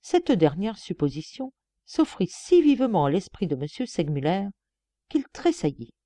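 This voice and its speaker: A woman narrating an audiobook in an expressive storytelling manner. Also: mid-range voice, moderate pace, dry recording. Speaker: audiobook reader.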